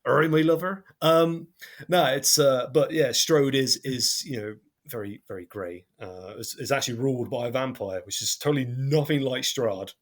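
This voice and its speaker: Casting: young Devon man, broad accent, mid pitch, rambling podcast host. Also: normal speed, few pauses. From Devon, England. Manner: rambling, self-deprecating, full of fillers and restarts. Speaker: podcast host and game master. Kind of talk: casual podcast chat.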